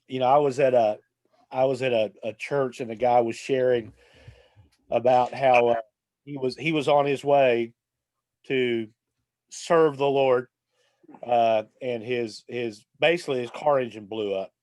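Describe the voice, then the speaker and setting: A man hosting a Bible talk, telling a story in a loose, rambling way with many "uh"s. His voice sits at an average pitch, recorded close and dry with no room sound. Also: a little slow, long pauses, no room sound. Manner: rambling, filler-heavy, relaxed storytelling. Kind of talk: casual chat.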